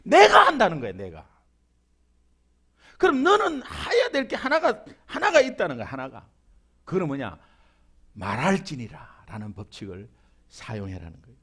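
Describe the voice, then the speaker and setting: A middle-aged male pastor from Busan with a Gyeongsang accent, preaching a humorous, animated sermon and acting out the voices he quotes. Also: a little high, moderate pace, slightly rough. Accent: Gyeongsang (Busan) Korean. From Busan, South Korea.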